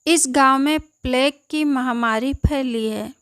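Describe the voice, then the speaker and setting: A woman's voice: high voice, measured pace, fairly bright tone, smooth, no echo. A woman voicing a frail old village man left behind by his family, pleading and bewildered. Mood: explaining.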